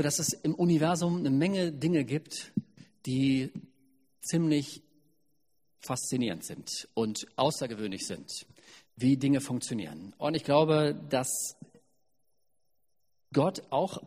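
A man preaching at a family service, retelling a Bible story in a lively, chatty way with asides. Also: medium pitch, takes it slowly, pauses often, breathy edge. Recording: long hall reverb.

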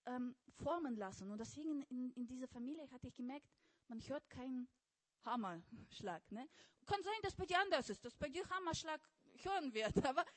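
High-voiced woman, hesitant church speaker. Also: dry recording. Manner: hesitant, with soft laughs. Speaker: congregation member introducing a speaker. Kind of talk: church talk.

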